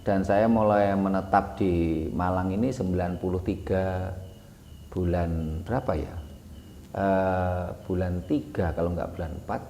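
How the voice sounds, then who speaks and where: A man recounting his life in a relaxed, halting way, full of fillers and self-corrections. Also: low voice, slight background noise. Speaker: guest telling his life story. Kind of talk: casual spoken memoir. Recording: echoey room with long reverb, faint music.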